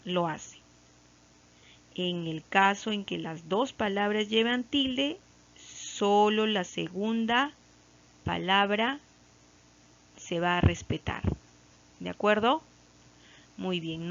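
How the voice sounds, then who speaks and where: A woman's voice: mid-range voice, vocal fry. A woman teacher with a Peruvian Spanish accent giving a patient classroom grammar lesson, checking in with frequent tag questions. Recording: dull lo-fi recording.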